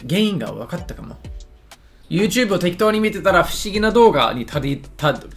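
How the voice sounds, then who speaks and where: Guy joking around reacting to a video, keeps tripping on his words, pitch all over the place, soft music under it. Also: big pitch swings, a little fast. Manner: joking, self-mocking, stumbles over words. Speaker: YouTuber reacting to a lesson video. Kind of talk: casual commentary.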